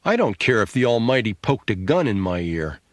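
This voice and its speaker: A man voicing a sharp-tongued, sarcastic adult sister, needling and scornful, in an audiobook. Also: fairly low pitch, very animated, a little fast, dry recording.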